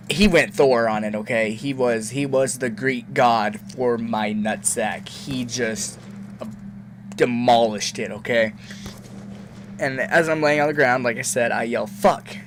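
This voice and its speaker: A young man spins a story for his vlog, rambling and animated in an ordinary middle pitch. He keeps stopping to ask "okay?" as he goes. A faint hum of room noise sits under his voice. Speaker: vlogger.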